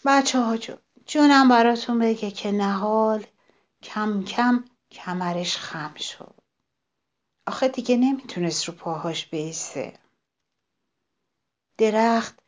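A woman reading a story aloud to children, expressive and addressing them directly. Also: medium pitch.

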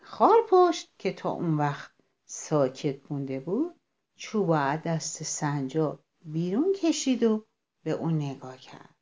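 A woman narrating a children's story, speaking directly to the children. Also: sits low. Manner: warmly addresses children, animated.

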